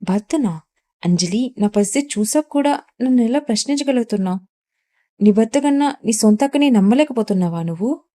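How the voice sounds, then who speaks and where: A woman's voice: mid-range voice, level tone, fairly quick, warm tone, natural voice. A woman reading the lines of a scheming young stepsister in a taunting, accusing way.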